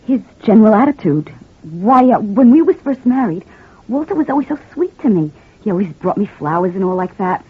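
In an old-time radio crime drama, an actress plays a scheming working-class wife who talks in ungrammatical, streetwise slang and sweetly feigns victimhood, sounding plaintive and fretful. Her medium-pitched voice is husky, sing-song and fairly quick. The vintage recording is muffled and phone-like.

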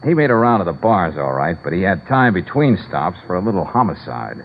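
A wisecracking private detective with a wry, easygoing delivery. His voice is lowish and lively. The old broadcast is muffled and carries a faint hiss. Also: a little fast, heavily acted. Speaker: lead. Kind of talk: 1940s radio acting.

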